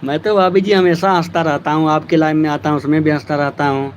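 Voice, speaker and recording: A man's voice: fairly high pitch, level tone, fast talker, slight background noise. A man hosting a casual live stream, chatting with viewers by name, teasing them and thanking them for their support.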